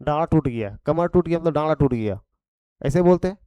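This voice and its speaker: A man's voice: on the high side, expressive, fairly quick, dark tone, smooth, dry recording, lo-fi sound. A man with a Khortha accent teaching an exam prep vocabulary lesson, repeating each point and checking in after it.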